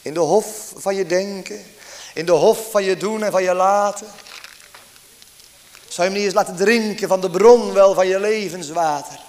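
A man's voice: high voice, moderate pace, a little mellow. A man preaching a fervent sermon, pleading with his listeners and asking them question after question.

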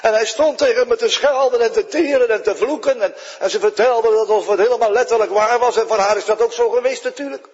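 Preacher guy, high-ish voice, slow and passionate, big church reverb. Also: breathy edge. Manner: impassioned, swinging between loud exclamation and hushed storytelling. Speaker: pastor. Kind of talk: sermon. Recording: dull sound, long hall reverb in a church.

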